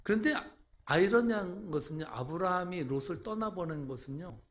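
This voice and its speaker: A man's voice: high voice, lively intonation, moderate pace. A male pastor preaching a sermon, emphatic and putting rhetorical questions to the congregation.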